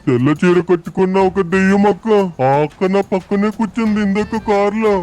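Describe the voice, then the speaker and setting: A man's voice: high voice, a little fast, darkish tone, close to an everyday voice. Man doing a jittery, whiny cartoon kid. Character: timid boy sidekick Chapu. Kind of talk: cartoon dub of a game.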